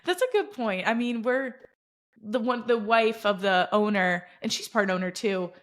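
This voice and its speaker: A woman's voice: fairly high pitch, moderate pace. A young woman co-hosting a casual podcast chat, enthusiastic and giggly as she talks. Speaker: podcast co-host.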